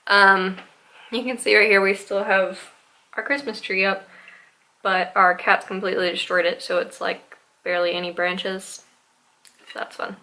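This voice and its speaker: Young woman, vlogger, bright voice, rambling, hesitant, casual home eating show. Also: mid-range voice, little pitch movement, moderate pace, pauses often, a little hiss or hum, low-quality recording. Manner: rambling, hesitant, full of ums and likes. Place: home room with a Christmas tree.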